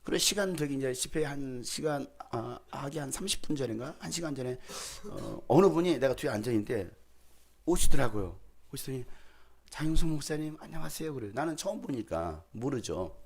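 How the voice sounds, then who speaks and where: Middle-aged male pastor, husky, animated sermon delivery with acted-out anecdotes. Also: mid-range voice, fairly quick. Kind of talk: sermon with storytelling.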